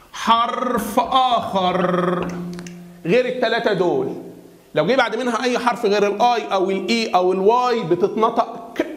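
Egyptian male tutor, very high voice, asks and answers his own questions, slows to spell out sounds, echoey room. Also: a bit bright. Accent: Egyptian Arabic. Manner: repeats questions and has the viewer answer back; slows right down to spell words out. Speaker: English teacher. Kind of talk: classroom-style pronunciation lesson.

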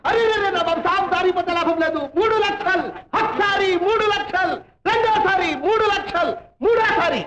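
An actor playing a loud, flattering male auctioneer who calls out bids and urges buyers on, in old film dialogue. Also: extremely high pitch, brisk, roomy sound, heavy background noise. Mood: hawking.

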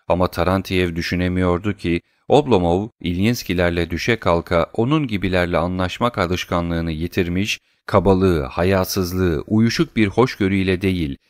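Brief: male audiobook narrator, low voice, measured reading, dry close sound. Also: dry recording. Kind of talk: scripted narration.

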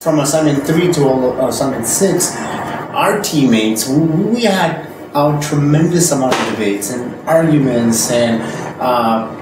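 A man's voice: mid-range voice, slow. A young man speaking emphatically to a webcam at his desk, repeating words as he talks. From USA. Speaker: course participant. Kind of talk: self-recorded video statement. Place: home office. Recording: roomy echo.

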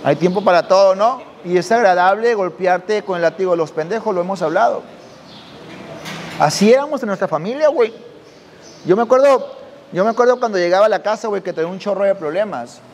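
High-voiced slangy storyteller man. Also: animated, a little fast, long reverb tail, a little hiss or hum. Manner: slangy, drops "güey" constantly, acts out voices. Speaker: podcast host. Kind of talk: casual storytelling monologue.

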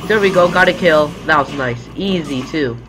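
A man's voice: on the high side, moderate pace, music in the background. A young man with a sore throat giving casual commentary as he plays a video game.

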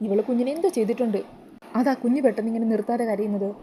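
Woman voicing a calm persuasive young man. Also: a little high, rapid-fire, slight background noise, natural voice. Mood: suspicious. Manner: reasoning, persuasive.

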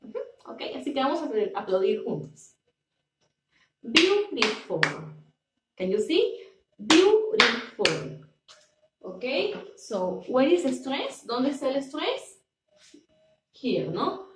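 A woman teacher, leading a bilingual English lesson and drawing out words slowly as she repeats them for pronunciation drills. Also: high voice, very animated. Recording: echoey room, distant mic, faint noise.

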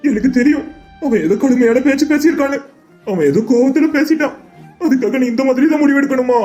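Man playing a heartbroken young cartoon man, high voice, quick speech, soft music behind. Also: lightly acted. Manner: earnest, pleading, tearful monologue. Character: grieving young man, loyal friend. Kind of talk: cartoon drama voice acting.

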